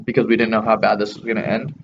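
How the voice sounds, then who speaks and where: A man's voice: on the low side, flat delivery, rapid-fire, gravelly. Man with a lip full of dip, lo-fi. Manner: blunt, crude, slangy. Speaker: co-host reviewing dipping tobacco. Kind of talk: casual chat review. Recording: dull lo-fi audio with faint background noise.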